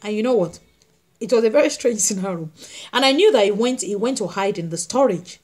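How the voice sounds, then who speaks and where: A woman's voice: mid-range voice, animated, a little fast, darkish tone. A woman preaching a sermon, emphatic and repeating her key phrases as she tells stories. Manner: storytelling with acted quotes.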